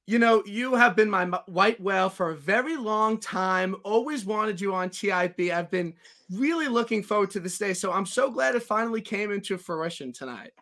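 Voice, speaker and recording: A man's voice: high-pitched, animated, moderate pace, bright, forceful tone. A man hosting a podcast, chatting casually and teasing his guest with jokes and stammered restarts. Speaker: podcast host.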